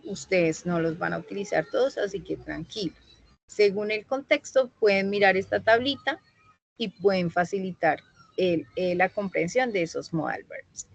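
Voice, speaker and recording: A woman's voice: mid-range voice, gravelly, fairly bright tone, no room sound, poor audio. Woman teaching english grammar online, patient, keeps checking in, dry sound. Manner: patient, explaining slowly and checking with "¿sí?". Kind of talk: online bilingual class. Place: online meeting recording.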